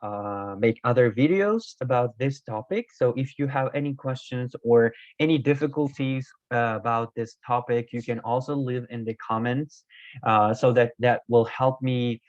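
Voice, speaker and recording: Teaching Korean grammar casually on video, this non-native speaker sounds slightly hoarse, with a medium pitch and normal speed. He hesitates, fills pauses, and corrects himself often, and the lo-fi recording is dull and dry with no echo.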